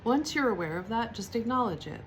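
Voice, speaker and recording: A woman giving a spiritual teaching, speaking softly and reflectively, with pauses, fillers and restarts. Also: fairly high pitch, expressive, slight background noise. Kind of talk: devotional teaching talk.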